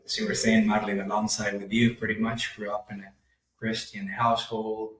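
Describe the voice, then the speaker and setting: A young man speaks in a low, fairly monotone voice, measured and pausing often to find his words. He sits some way from the mic, so the room's echo colors every phrase. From Honduras. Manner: measured, pauses with frequent ums. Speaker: podcast guest. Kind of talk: casual interview. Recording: roomy, distant mic.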